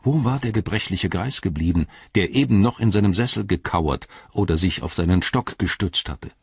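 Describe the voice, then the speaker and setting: A male narrator with a very deep, husky voice reads an epic tale slowly and solemnly. The sound is dry and close. The recording is dull and lo-fi. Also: expressive, no echo. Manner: measured, solemn. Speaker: audiobook narrator. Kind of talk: scripted narration.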